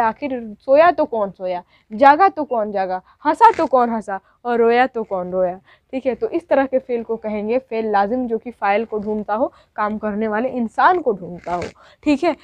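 A woman's voice: on the high side, lively intonation, moderate pace, a little mellow, no room sound. A woman teacher giving a grammar lesson, asking questions and answering them herself, with lots of repetition. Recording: dull, dry lo-fi sound.

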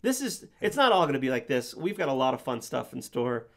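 A man's voice: mid-range voice, big pitch swings, brisk, a bit bright. A man in his thirties co-hosting a comedy podcast, talking in a rambling, self-deprecating, joking way with a nasal voice. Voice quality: nasal speaking voice. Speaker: podcast co-host. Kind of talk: casual chat.

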